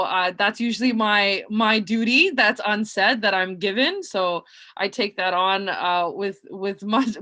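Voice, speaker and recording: A loud-voiced young woman from Nova Scotia, Canada, gives a personal self-introduction as a guest speaker and community organizer on an online panel. Calling in from her bedroom, she talks earnestly at medium pitch, saying um and uh often.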